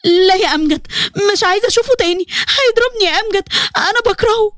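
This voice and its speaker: A woman's voice: very high voice, quick pace, no room sound, studio quality. A woman voicing a tearful, wounded young wife. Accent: Egyptian Arabic. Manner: tearful, bitter.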